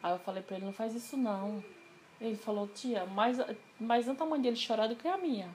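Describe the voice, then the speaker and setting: A woman telling a personal story in a casual interview, animated and acting out the dialogue she quotes. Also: on the high side, fairly quick, slight background noise.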